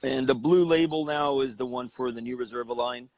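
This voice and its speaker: A man's voice: medium pitch, fairly quick, a little mellow. A man from Cuba, a cigar company president, talking as an interview guest in a confident, persuasive way.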